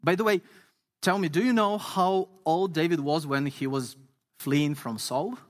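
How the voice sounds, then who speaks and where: A guest pastor from Ukraine, speaking English in a slightly high voice, preaches an earnest sermon and reads scripture slowly, with emphasis.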